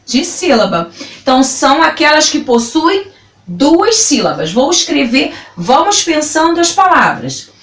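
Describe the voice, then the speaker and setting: A woman teaches a grammar lesson, taking her time and sounding each word out syllable by syllable. Her voice sits a little high and swings up and down with lively emphasis. She is recorded from across an echoey room. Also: far from the mic. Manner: slow, spells words out syllable by syllable.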